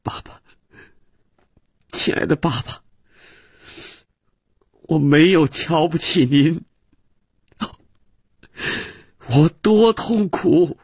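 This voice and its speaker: A man voicing a young boy who shouts and sobs at his drunken father, his voice pushed high and strained. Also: expressive, unhurried, pauses often, slightly rough, no echo, studio quality, heavily acted. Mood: sobbing. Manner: shrill, shouting and tearful.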